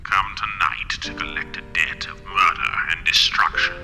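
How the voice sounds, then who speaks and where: An actor playing a grim, spectral avenger of justice in a 1940s-style radio drama, theatrical and declamatory with hissing menace. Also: male voice, low voice, normal speed, creaky, sharp tone, faint music behind, full character voice. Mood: menacing, righteous.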